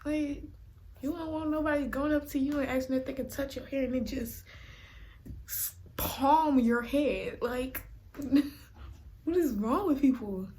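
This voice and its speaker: A lively young woman in a casual storytime vlog, her voice sitting a little high. She tells the tale with animated energy, laughing often and dropping into dramatic whispered asides. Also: a little slow, slight background noise. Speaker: vlogger.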